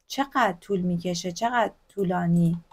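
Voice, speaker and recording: A woman with a Persian accent teaching a textbook lesson, reading English examples slowly and explaining them in a chatty way. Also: fairly low pitch, a little mellow, a little hiss or hum. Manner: chatty, corrects herself openly.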